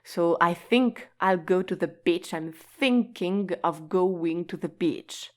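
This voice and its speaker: In a lowish, slightly mellow voice, a woman conducts an online language lesson. Her explanations are slow and patient, key words are drawn out, and she laughs lightly now and again.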